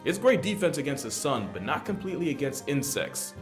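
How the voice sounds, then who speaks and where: A man's voice: a little high, very animated, a little fast. A man narrating a nature video from a comedic script in a wry, irreverent manner. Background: guitar music.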